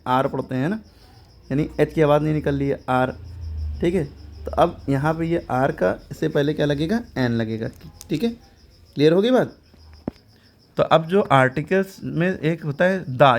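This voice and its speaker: A man teaching English grammar in Hindi. He explains each point step by step, keeps asking if it is clear, and reads the English example sentences slowly. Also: fairly high pitch, a little mellow. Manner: explains step by step, often checks understanding with questions.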